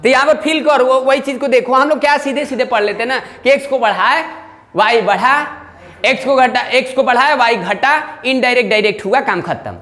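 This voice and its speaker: A man's voice: extremely high pitch, fairly quick, a bit bright. A man teaching a maths class, asking his students questions and checking again and again whether they follow. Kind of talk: classroom lecture. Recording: long reverb in a classroom.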